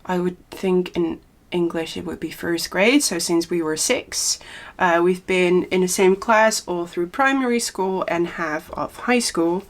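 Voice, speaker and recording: A young woman hosting a knitting podcast, chatting casually and thoughtfully with frequent pauses and a touch of nerves. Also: on the low side, steady tone. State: a little nervous. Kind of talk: casual chat.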